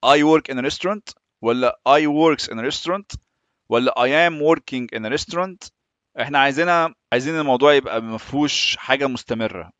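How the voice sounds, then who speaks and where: A man with an Egyptian Arabic accent teaching English step by step, often pausing to check that the listener is following. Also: mid-range voice, fairly bright tone, no room sound, highs cut off. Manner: patient, often checks in with "تمام؟". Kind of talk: explaining English lessons in Arabic.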